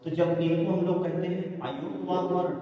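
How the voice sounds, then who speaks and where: A male teacher lectures in a slightly high voice, asking questions and answering them himself and repeating key words. He sounds distant from the mic in a very echoey room with a long, ringing reverb. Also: fairly even intonation, moderate pace, mellow, muffled recording. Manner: repeats key words, sometimes sing-song. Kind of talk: classroom lecture.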